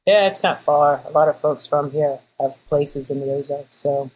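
A man's voice: a little high, moderate pace, darkish tone, rough recording. A man from Kansas City, a guest in a casual conversation, easygoing and dry in his humor. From Kansas City, United States.

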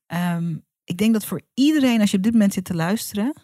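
A woman's voice: mid-range voice, animated, quick pace, dark tone, no echo, clean studio sound. A woman hosting a podcast interview, encouraging and talking in long winding sentences full of fillers. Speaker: podcast host.

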